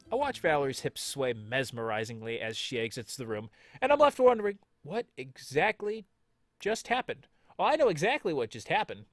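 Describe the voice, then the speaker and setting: A man's voice: mid-range voice, dry recording, studio quality. A man hosting a let's play, reading the game's text aloud and joking along with it in a playful, sarcastic way. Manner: playful and sarcastic, jumps into mock voices.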